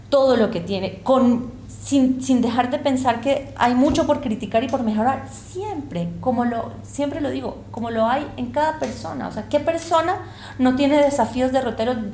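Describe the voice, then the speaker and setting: A woman from El Salvador and Colombia speaks as an interview guest, earnest and impassioned, reflecting aloud. Her voice is mellow and darkish, and the room around her is echoey, with a faint hiss behind. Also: on the high side. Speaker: guest, university lecturer and researcher. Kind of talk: conversational interview.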